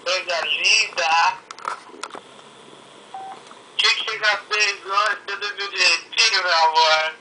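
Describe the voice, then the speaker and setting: Dad, lively pitch, slow tender baby talk over a noisy phone call. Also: male voice. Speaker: father on a video call.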